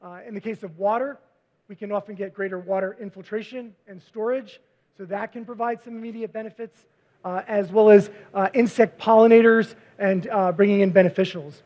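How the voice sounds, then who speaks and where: Man, high voice, presenting researcher, quick talker, muffled lo-fi recording. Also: fairly even intonation. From United States. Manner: self-described fast talker, frequent fillers. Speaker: visiting cover crop researcher. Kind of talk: conference presentation with slides. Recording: dull lo-fi recording.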